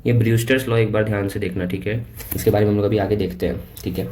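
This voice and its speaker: A man giving a casual Hinglish physics revision lecture. He keeps checking in with his students and reads textbook lines out slowly. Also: lowish voice, steady tone, darkish tone. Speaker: NEET physics teacher. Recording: echoey room with faint ambient noise.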